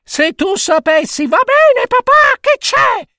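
A man's voice: very high voice, big pitch swings, slow, sharp tone, no echo, studio quality, pitched above the performer's own voice, exaggerated voice. A man voicing a bold little princess who teases with sing-song rhymes. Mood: sweet. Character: cheeky little princess girl, bold and teasing.

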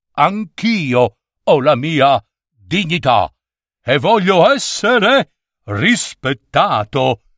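A man's voice: a little high, fairly bright tone, no room sound, clean studio sound, voice pushed up, exaggerated voice. A man voicing an indignant, touchy number nine who protests and scolds in an offended tone.

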